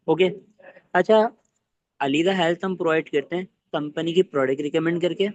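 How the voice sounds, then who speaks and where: Fast-talking male team trainer. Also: fairly high pitch, a little mellow, no echo, lo-fi sound. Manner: rapid-fire, quizzing listeners with either-or questions. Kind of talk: online training session.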